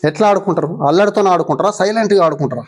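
A visiting mindfulness teacher with a Telangana Telugu accent teaches young schoolchildren in a classroom, coaxing them along with many short questions. Her voice is fairly low, darkish and slightly rough, and she speaks rapid-fire.

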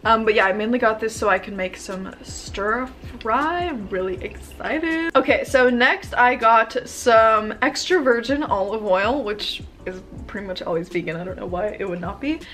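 A woman's voice: on the high side, animated, normal speed, few pauses, fairly bright tone. A young woman in her twenties talking casually to camera in her bedroom, bubbly and gushing, with lots of "like" and "um". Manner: bubbly, chatty, gushing, frequent "like" and "um". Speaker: vlogger. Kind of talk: casual haul video.

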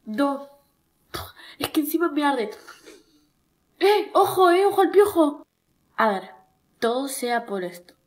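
A young Argentine woman with a bright, fairly high voice chats casually into her phone for followers. She has a cold, so she sounds stuffed up. She jokes at her own expense and whines when something hurts. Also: very animated, takes it slowly, pauses often. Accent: Argentine Spanish. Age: young adult. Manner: chatty, self-mocking, whiny when in pain. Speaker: TikTok creator. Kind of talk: casual vlog chat.

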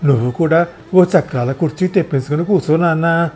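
A man's voice: fairly high pitch, brisk, a little mellow, pitched above the performer's own voice, lightly acted. A man voicing a talkative, meddling elderly mother in a wheelchair, fussing over everyone in a storybook reading. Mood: chatty.

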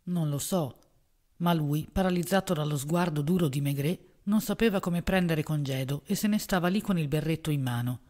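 A man narrating a novel as an audiobook in a measured, even reading voice. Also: on the high side.

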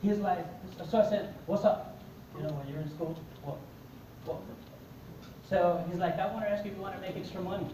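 A brisk, high voice belongs to a middle-aged man from Mexico, Spanish his native tongue and his accent Mexican. Working as a motivational speaker, he relates his life to a seated conference audience and acts out dialogue with energy, captured from afar in an echoing room with slight background noise.

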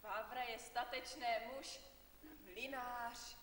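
A woman's voice: fairly high pitch, steady tone, close to an everyday voice. A woman acting a blunt, teasing village aunt, declaiming for a stage audience. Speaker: stage actor. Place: theatre stage. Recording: echoey theatre hall, distant mic, faint noise.

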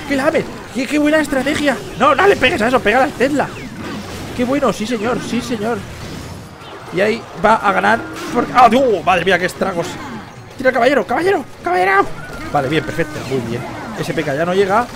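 A young man from commentates gameplay in a fairly high voice. He swings from loud cheering and yelling at the screen to quiet muttered asides. Game music plays clearly under his voice. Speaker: gaming youtuber. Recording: game music playing behind the voice.

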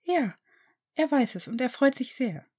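A woman doing a bright, cheerful mother. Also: high voice, sing-song, a little slow, slightly rough, pitched above the performer's own voice, exaggerated voice.

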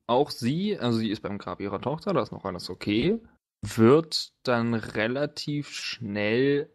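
A man with a lowish voice serves as game master for a tabletop role-playing game, improvising the narration in a casual, halting, colloquial way.

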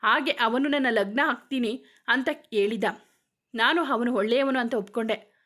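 A woman's voice: fairly high pitch, normal speed, fairly bright tone, close to an everyday voice. A woman voicing a naive young village woman making a pleading, tearful confession. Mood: confessing.

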